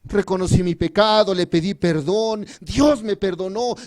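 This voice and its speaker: At a church retreat, a man from Mexico preaches a sermon that includes a personal testimony. His voice is high-pitched and his pace moderate, and he fervently swings between loud emphasis and quiet, confiding asides.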